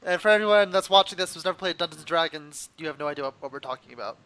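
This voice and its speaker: A man playing a tabletop game, excitable and joking. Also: a little high, racing, clear, resonant tone. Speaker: player. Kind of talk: casual tabletop game chat.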